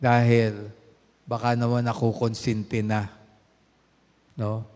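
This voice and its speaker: An older male pastor preaches slowly and deliberately, with a mellow, darker tone. He switches between two languages and climbs to emphatic stresses on key phrases. His voice carries a long hall reverb. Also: medium pitch, monotone. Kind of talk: sermon.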